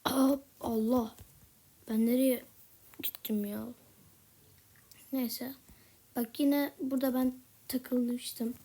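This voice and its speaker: A woman giving casual gameplay commentary in a soft, half-whispered voice, a little sick with a slightly rough voice. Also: on the high side, fairly even intonation, drawn-out words, pauses often. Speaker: gaming channel host.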